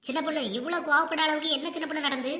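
A woman with a Kanyakumari Tamil accent voicing a concerned woman neighbor in a cartoon comedy, asking quick questions. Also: high voice, steady tone, bright, forceful tone, roomy sound. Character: nosy, peacemaking woman neighbor.

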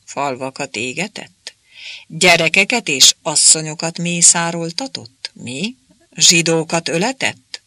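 Man doing a shrill, sneering young interpreter. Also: animated, gravelly, bright, forceful tone, no echo, heavily acted. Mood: scornful. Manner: mocking, then falsely friendly and preachy.

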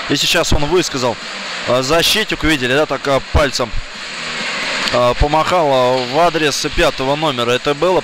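A man commentates live on an ice hockey game in a slightly high voice. He builds his phrases in pieces, with pauses, and loud arena noise runs behind him. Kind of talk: live play-by-play sports commentary. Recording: loud background noise of a rink. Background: indoor ice rink ambience.

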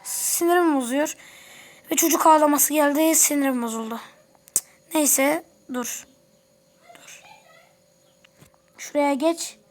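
Woman gamer narrating a let's-play, high voice, chatty and easily annoyed, chats with the characters. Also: fairly even intonation, slow, pauses often. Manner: chatty, grumbles and talks to game characters. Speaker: gameplay commentator. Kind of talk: casual let's-play commentary.

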